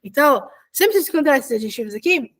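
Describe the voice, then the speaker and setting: A woman's voice: high-pitched, big pitch swings, very fast. A young woman teaching a casual online language lesson, chatty and often correcting herself and checking in with students. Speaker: volunteer Korean teacher.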